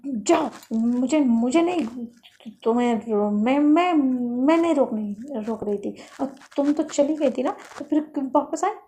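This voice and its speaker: A woman voicing Lovely, a talkative schoolgirl who scolds in quick, indignant bursts. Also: sits high, animated, mellow. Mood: indignant scolding. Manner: rapid scolding complaints.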